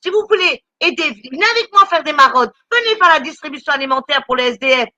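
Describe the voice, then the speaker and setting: Bright high-voiced woman stammering angrily. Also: lively intonation, fast, no echo. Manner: stammering, repeats words; indignant, scolding. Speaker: charity volunteer speaking on a live stream. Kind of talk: impassioned live-stream rant.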